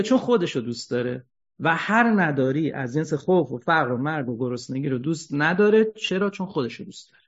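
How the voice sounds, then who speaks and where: A man giving an ethics lecture, animated, asking rhetorical questions and joking wryly. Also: a little high. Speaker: religious lecturer. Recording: dull lo-fi recording.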